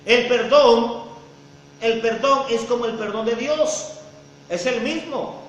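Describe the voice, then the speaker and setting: Man, pastor, high voice, sermon, very echoey church hall, faint hum. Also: takes it slowly. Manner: preaching with rising emphasis and repeated phrases.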